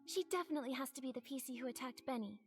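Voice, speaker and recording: An earnest young game heroine. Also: female voice, high voice, lively intonation, rapid-fire. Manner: thoughtful, reasoning aloud. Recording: game audio with faint music.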